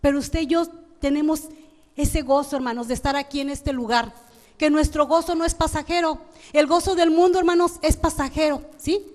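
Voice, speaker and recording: A woman's voice: sits high, fairly even intonation, normal speed, darkish tone. A Mexican woman pastor preaching a sermon in Mexican Spanish, repeating "brothers" to the congregation and often restarting her phrases. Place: church hall. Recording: long reverb of a church hall.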